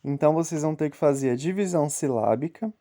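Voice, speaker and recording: A young man teaching children a grammar lesson, explaining slowly and step by step. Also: fairly high pitch, dark tone.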